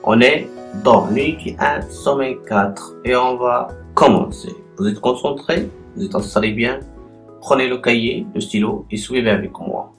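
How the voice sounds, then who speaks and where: A man teaching a class, guiding learners through written exercises with deliberate pauses and spelled-out syllables. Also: medium pitch, soft background music. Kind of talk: slow, patient classroom exercise walkthrough.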